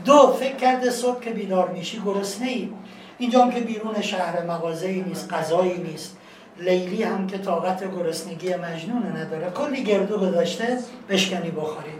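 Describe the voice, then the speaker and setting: A man's voice: high voice, echoey room, distant mic, slight background noise, lightly acted, poor audio. A man doing a reassuring young friend. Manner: reassuring, explaining. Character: cheerful male friend offering comfort.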